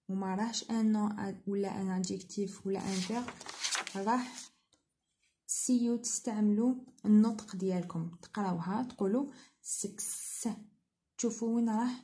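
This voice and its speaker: A woman English teacher with an Algerian accent, going through pronunciation exercises, drawing out model words slowly between quick asides. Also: medium pitch, fairly even intonation, dark tone. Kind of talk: spoken exercise walkthrough.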